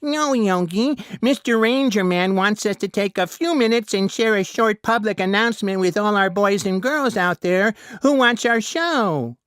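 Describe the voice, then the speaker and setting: A woman's voice: mid-range voice, normal speed, hardly any pauses, clean tone, no room sound, studio quality, natural voice. A woman voicing a small, polite male cartoon bear cub, earnest and innocently matter-of-fact.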